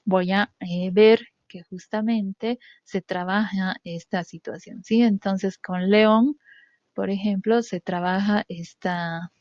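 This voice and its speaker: This instructional walkthrough has a woman slowly demonstrating a test procedure step by step, her medium-pitched, darkish voice fairly even in intonation. She peppers her speech with fillers, repeats "¿sí?" to confirm understanding, and stresses key sounds. The recording is dry and muffled.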